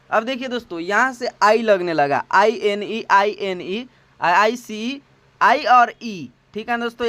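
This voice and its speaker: A man with a high, clear voice gives a patient spelling and pronunciation lesson. He spells each word out letter by letter, repeats it and asks his viewers questions. He is recorded close on a phone in a dry space. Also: a bit bright, no room sound. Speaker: English teacher.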